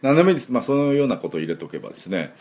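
A middle-aged man teaching English pronunciation in a daily audio lesson. He explains step by step, demonstrates sounds slowly and fills pauses with drawn-out "eh"s. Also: medium pitch, sing-song, darkish tone.

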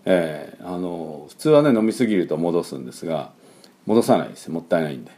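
Deep-voiced man in his fifties, chatty. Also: sing-song, mellow. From Kyushu, Japan. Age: 50s. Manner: rambling and chatty, full of fillers, drills words slowly. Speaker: English teacher and podcast host. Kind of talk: casual talk-show English lesson.

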